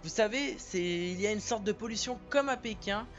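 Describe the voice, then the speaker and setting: A man with a notably high voice chats casually to his audience while presenting a TV series. The recording is dull and lo-fi, with faint music playing underneath. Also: moderate pace. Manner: chatty, addresses viewers directly. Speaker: series review vlogger. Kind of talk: casual show review.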